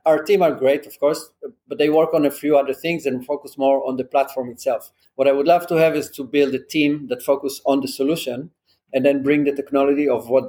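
A man's voice: fairly high pitch, warm tone. Man explaining in an interview. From Israel. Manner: earnest, practical, explains with examples. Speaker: drone company founder. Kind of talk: conversational interview answers.

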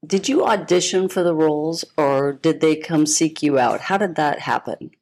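A woman's voice: deep voice, normal speed, darkish tone. A woman interviewer asking brief, direct questions.

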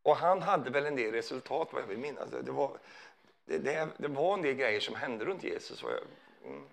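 Guy preaching, gravelly voice, goes up and down a lot, chatty with the crowd. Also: mid-range voice, sing-song. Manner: conversational, asks listeners questions. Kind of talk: sermon.

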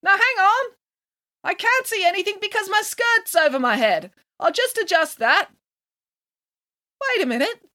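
A woman voicing a bold, bossy female pig nanny who calls up from inside a chimney, high and brassy. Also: animated, a little slow, long pauses, sharp tone, heavily acted. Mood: flustered. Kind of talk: storybook reading.

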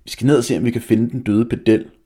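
A man reading aloud voices a loud, scornful schoolboy bully. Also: medium pitch, fairly even intonation, gravelly, breathy edge, voice pushed up. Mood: mocking. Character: mocking boy bully Malte.

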